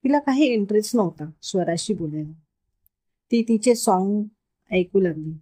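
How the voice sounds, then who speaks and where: A woman narrating a story at a mid pitch, her voice mellow rather than bright. She reads the prose steadily and moves into light character voices whenever the dialogue starts. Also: expressive, moderate pace. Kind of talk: reading a Marathi story aloud, voicing the characters.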